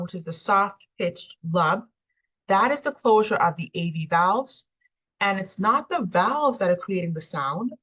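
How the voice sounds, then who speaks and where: A woman's voice: on the low side, fairly bright tone, rough recording. A woman lecturing on anatomy, explaining steadily with frequent ums. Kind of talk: recorded lecture.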